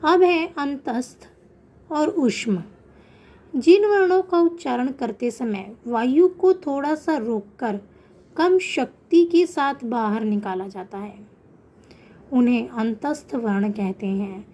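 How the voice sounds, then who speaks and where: A woman teaching an online Sanskrit class to children, explaining patiently and slowing down to pronounce example words. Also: on the high side, lively intonation, warm tone.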